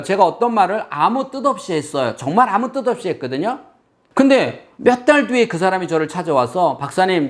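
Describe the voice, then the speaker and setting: Middle-aged male parenting expert, bright high voice, very lively delivery, lecture to camera. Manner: animated lecturer, addresses viewers directly, acts out children's lines. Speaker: child development expert giving a parenting lecture.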